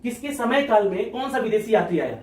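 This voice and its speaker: A male exam-prep teacher talks at a rapid clip, repeating points and checking in with his listeners. His voice sits high, and he sounds a little far from the mic in an echoey room. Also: very animated, a little mellow.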